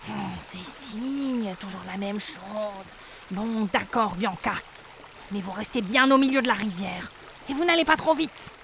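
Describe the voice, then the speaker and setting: A woman's voice: medium pitch, expressive, measured pace, a bit bright, a little hiss or hum. A woman voicing a fussy, anxious male duck who fretfully bosses and complains. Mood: bossy.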